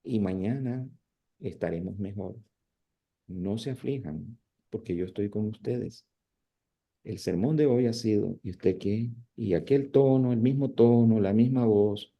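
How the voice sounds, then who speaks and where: A man imitating a dull male preacher who delivers a whole sermon in one flat, quiet, unchanging tone. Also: lowish voice, a little slow, creaky. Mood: droning. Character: dull monotone male preacher droning softly.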